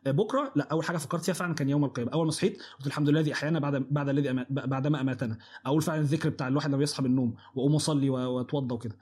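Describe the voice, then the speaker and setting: A man with an Egyptian Arabic accent teaching a casual Quran lesson, halting and restarting often. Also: medium pitch, fairly even intonation, a little mellow, husky. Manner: halting, many restarts and fillers.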